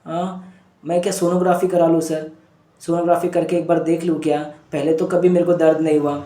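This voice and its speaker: A man's voice: on the high side, little pitch movement, a little fast, dark tone, lightly acted. A man voicing a distressed woman patient in pain, pleading and repeating herself, calling him sir. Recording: echoey room.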